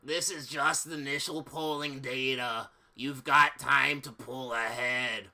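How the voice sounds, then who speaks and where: Dry deadpan middle-aged secretary lady done by a reader, slow and a bit low. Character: dry fifty-year-old woman secretary.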